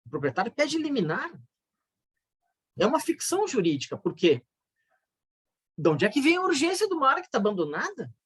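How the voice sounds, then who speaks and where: A man's voice: wildly swooping pitch, fairly quick, long pauses, fairly bright tone, husky. Earnest male lecturer, hesitant restarts. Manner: earnest explaining, with frequent restarts and "é" fillers; pitch climbs sharply on emphatic points. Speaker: legal advisor teaching a course. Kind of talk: online course lecture.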